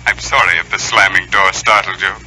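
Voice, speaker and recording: An actor playing a suave, calmly commanding stage magician with theatrical, deliberate, formal diction, in old-time radio style. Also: male voice, deep voice, close to an everyday voice. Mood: taunting, commanding. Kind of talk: 1940s radio acting. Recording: noisy old radio recording.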